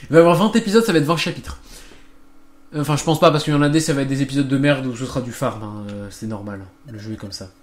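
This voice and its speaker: A man's voice: medium pitch, fast talker. Man rambling over a game. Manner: rambling, swears, many fillers and restarts. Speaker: gaming channel host. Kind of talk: casual let's play commentary.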